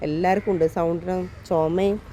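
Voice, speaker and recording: Woman, Malayali accent, mum-vlogger; coaxing, teasing delivery, slightly rough cold-worn voice, outdoor take with faint noise. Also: on the low side, steady tone, fairly quick, mellow. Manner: coaxing, teasing talk to her child. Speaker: vlogger, mother. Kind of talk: casual family vlog chat.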